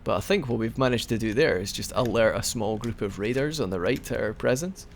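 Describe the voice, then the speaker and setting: Commentating on his own gameplay, this young man chats in a loose, rambling way, frequently starting sentences over and hiccuping now and then. His medium-pitched voice is animated, a little fast, and has vocal fry. There's slight background noise.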